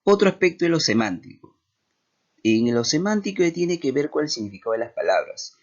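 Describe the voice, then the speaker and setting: A man's voice: a little high, very animated, fairly quick. A man with a Peruvian accent teaching a language class, explaining step by step and checking in with his students. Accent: Peruvian Spanish. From Peru. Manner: explanatory, with many tag questions. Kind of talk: classroom lecture. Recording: dull lo-fi recording.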